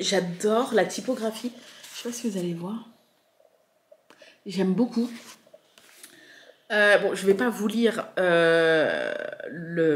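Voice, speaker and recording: A young woman from France talks casually to her viewers, gushing and excitable, her speech full of little hesitations. Her voice sits at a middle pitch. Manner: gushing, excitable, many fillers. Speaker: vlogger. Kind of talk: casual unboxing chat.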